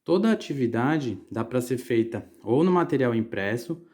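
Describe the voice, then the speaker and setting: A man's voice: mid-range voice, expressive, normal speed, mellow. A man teacher with a Brazilian Portuguese accent, walking children through exercises and often checking that they follow. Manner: patient, explaining, checking in with "certo?". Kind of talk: literacy lesson to children.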